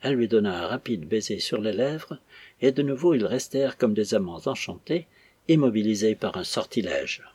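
A man narrating an audiobook in an even, measured reading with a husky voice. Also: on the low side, no echo.

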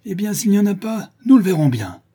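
A man voicing a brawny village wheelwright who leads a rioting mob, shouting and booming. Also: a little fast, slightly rough, close to an everyday voice. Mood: defiant. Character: brawny male village wheelwright, rebel leader.

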